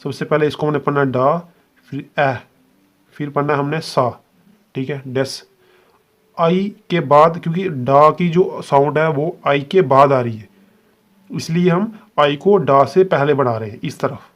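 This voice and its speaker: A man teaching a shorthand lesson step by step, patiently spelling out each sound and checking understanding. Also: fairly high pitch. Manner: patient, repeats "ठीक है" and spells sounds out slowly.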